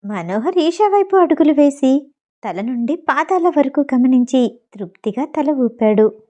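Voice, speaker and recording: A woman reading a novel aloud as a storyteller, with a steady, even delivery. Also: high-pitched, measured pace, lo-fi sound. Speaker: audiobook narrator.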